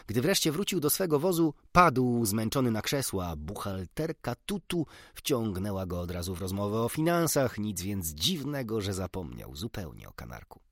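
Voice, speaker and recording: A man narrating a children's book in an expressive, measured storytelling manner. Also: fairly low pitch, no echo, studio quality. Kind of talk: audiobook narration.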